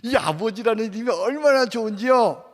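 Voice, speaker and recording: Korean pastor preaching in a reverberant church. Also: male voice, extremely high pitch, lively intonation, fairly quick. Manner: swings between loud calls and hushed prayerful murmurs; asks the audience questions and has them repeat prayers. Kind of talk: sermon at a pastors' conference. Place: church sanctuary with long reverb.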